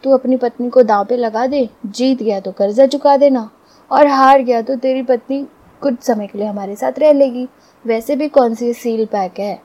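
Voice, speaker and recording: Woman reader doing a loud pushy landlord guy, mocking, husky voice. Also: a little high, moderate pace, lightly acted. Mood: coaxing. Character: pushy male landlord, brash gambling buddy.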